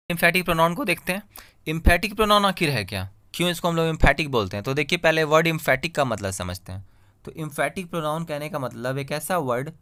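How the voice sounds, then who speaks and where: A male grammar teacher giving a classroom-style lecture over slides, asking himself questions and answering them, repeating key terms and checking that students follow. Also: a little high. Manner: checks understanding with frequent "clear?" prompts.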